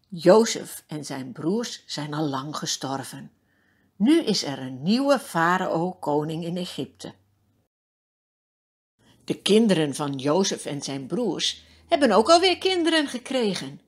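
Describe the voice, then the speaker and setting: A woman narrating a children's Bible story, speaking to children directly in a gentle, expressive way. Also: on the low side, slow pace, slightly rough.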